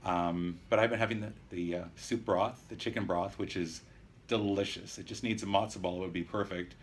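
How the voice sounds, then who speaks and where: Low-voiced man in his fifties, noisy room. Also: steady tone, a little fast. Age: early 50s. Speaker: patient sharing his surgery experience. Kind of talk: casual video diary, explanatory. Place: private hospital room.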